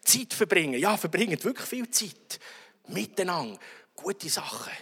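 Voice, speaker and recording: A man preaches with a high, husky voice that jumps around in pitch. He acts out little everyday dialogues and keeps checking in with his listeners. His voice rings with the long reverb of a large hall. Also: a little slow. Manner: animated, acts out little dialogues, frequent "oder?". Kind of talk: sermon.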